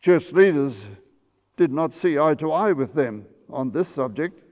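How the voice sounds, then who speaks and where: A man in his eighties, a pastor, giving a measured history lecture while seated at a table in a church, sometimes correcting himself. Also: on the high side, expressive, darkish tone. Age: 80s. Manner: measured storytelling, some self-corrections. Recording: long church reverb.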